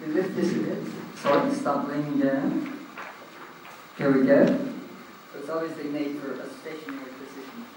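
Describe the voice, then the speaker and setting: Standing in for the president, an Australian man chairs a community meeting with a handheld mic in an echoey hall, captured from a distance with background noise. His fairly high voice holds a steady tone at a moderate pace, and he pauses often. He's loud and informal but hesitant, with frequent ums.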